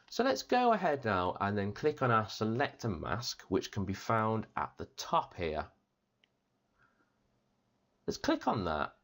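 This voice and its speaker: A man hosting a step-by-step software tutorial, chatty and upbeat, his voice strained after an operation. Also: lowish voice. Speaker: tutorial host.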